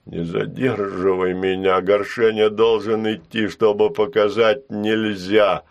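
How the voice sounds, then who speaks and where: A man voicing a huge, simple-minded clay giant who talks slowly and haltingly and calls himself by name. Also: on the low side, little pitch movement, gravelly, lo-fi sound. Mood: dull, plodding.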